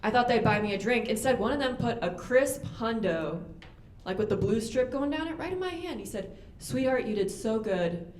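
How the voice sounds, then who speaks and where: A young woman doing a stand-up comedy set on a club stage, delivering deadpan punchlines and quick acted-out voices into a handheld mic. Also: a little high, slight background noise. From United States. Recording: roomy club with audience ambience.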